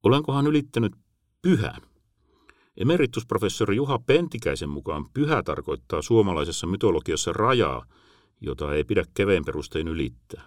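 Middle-aged man, very low voice, wry reflective first-person narration, dry close sound. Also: very animated, dry recording. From Finland.

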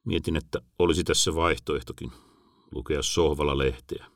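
A man's voice: extremely low pitch, fairly even intonation, gravelly, no room sound. A middle-aged man from Finland reading a first-person essay in a dry, wry and reflective manner. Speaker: narrator.

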